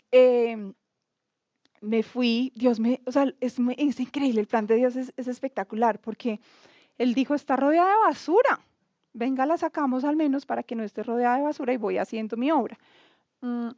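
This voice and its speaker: A woman's voice: high voice, mellow, no echo, highs cut off. A woman in her thirties from Bogotá, Colombia, with a Bogotá accent, telling her faith testimony in a candid, chatty, self-mocking way and acting out quoted dialogue. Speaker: testimony speaker. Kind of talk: casual spoken testimony.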